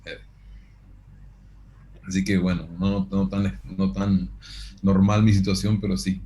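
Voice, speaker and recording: A man in his forties, a guest actor and pastor, sharing his testimony in a measured, earnest way over a video call. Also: deep voice, level tone, warm tone, a little hiss or hum. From Paraguay. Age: 40s. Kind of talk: testimony in an interview.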